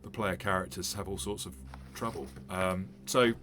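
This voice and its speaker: A game master and reviewer unboxes a tabletop game set, talking casually and rambling with lots of fillers and restarts. His voice is deep, his tone steady, and his pace moderate.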